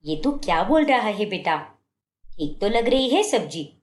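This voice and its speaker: A woman voicing a gentle older mother-in-law in a cartoon story, speaking mildly and soothingly. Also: medium pitch, sing-song, a little slow, reverberant, pitched below the performer's own voice.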